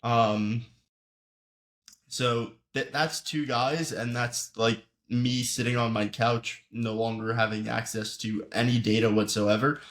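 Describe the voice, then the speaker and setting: A man's voice: mid-range voice, steady tone, slow, fairly bright tone. Joking man co-hosting a podcast. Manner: joking, blunt. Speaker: podcast co-host. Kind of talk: casual chat.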